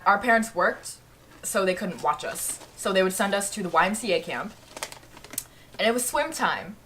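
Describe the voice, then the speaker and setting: A woman's voice: medium pitch, animated, moderate pace, a bit bright, a little hiss or hum. A young woman hosting a casual chat with her sister, telling a shared childhood story in a teasing, chatty way with lots of "like". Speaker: vlogger, channel host.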